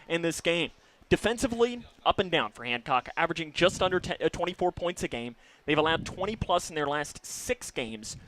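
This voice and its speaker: A man hosting a pregame high school football radio show, reeling off player stats and trading remarks with his co-host. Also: expressive, fairly bright tone, slight background noise. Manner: reads off stats quickly, banters with co-host. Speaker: radio play-by-play announcer.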